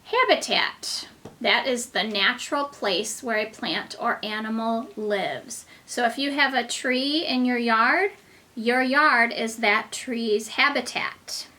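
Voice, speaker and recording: A woman's voice: fairly high pitch, takes it slowly, bright, forceful tone. A woman reading a children's book aloud as a teacher to very young children, with simple explanations, questions and asides, as if reading to a toddler. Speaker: kindergarten teacher.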